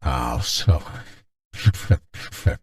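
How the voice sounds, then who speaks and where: A man hosting a casual stream, talking through a deep voice changer and joking as he rambles. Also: very slow, a little mellow. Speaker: streamer host.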